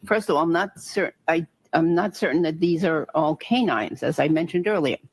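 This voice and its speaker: A woman giving courtroom testimony as a medical expert, careful and qualifying, halting and restarting words as she explains. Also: low voice, slightly rough. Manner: careful, qualifying, halting with repeated word starts. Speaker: medical expert witness, doctor.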